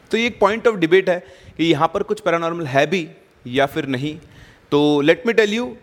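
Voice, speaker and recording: Male travel vlogger, slightly raised pitch, chatty on-location narration, long echoing reverb. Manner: conversational, chatty asides, mixes English words. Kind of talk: casual on-location tour narration. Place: at a ruined hilltop fort.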